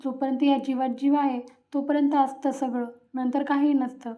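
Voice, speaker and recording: A woman's voice: sits high, little pitch movement, moderate pace, warm tone, lightly acted. A woman voicing a blunt, practical, money-minded wife in a dismissive tone. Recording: tinny phone-like sound.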